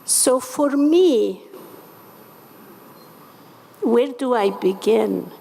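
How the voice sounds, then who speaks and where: A woman's voice: a little high, lively intonation, creaky, warm tone, a little hiss or hum. A woman in her seventies from Afghanistan, an activist speaking on a conference panel in an impassioned, emphatic way. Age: 70s. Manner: impassioned, emphatic, slow and deliberate. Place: large convention hall. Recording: conference hall reverb.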